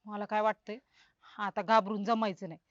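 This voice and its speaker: An actress playing a nervous, hesitant new village head. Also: female voice, mid-range voice, little pitch movement, no room sound, lo-fi sound, close to an everyday voice. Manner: hesitant, halting.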